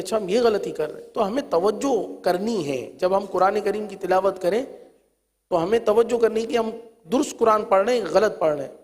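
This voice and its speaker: A man teaching Quran reading in a recorded lesson, explaining quickly and then drawing out each letter sound slowly and loudly. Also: sits high, long reverb tail.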